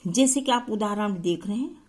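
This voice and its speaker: A woman's voice: medium pitch, expressive, moderate pace, darkish tone. A woman teacher explaining a school grammar lesson step by step to her pupils.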